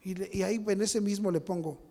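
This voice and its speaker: A man preaching a sermon as a pastor, telling stories, acting out what people said and building to loud peaks. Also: high-pitched, fairly even intonation, fast, a little hiss or hum. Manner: storytelling, acts out quotes, rises to shouting peaks.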